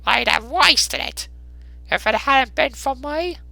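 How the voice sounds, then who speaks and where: A man plays a shrill, brazen Victorian charwoman in a heavily acted, dramatised storybook reading, her character a callous working-class woman hawking plunder. His creaky, bright, forceful voice has lively intonation and a cool, scornful mood, delivered with coolly unashamed, drawn-out scoffing. The recording has no echo.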